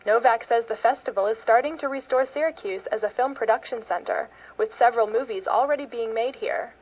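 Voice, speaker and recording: American woman, public radio host reading a scripted report, voice on the high side, slightly lo-fi audio. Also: a little fast, darkish tone. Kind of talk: scripted public radio news feature narration.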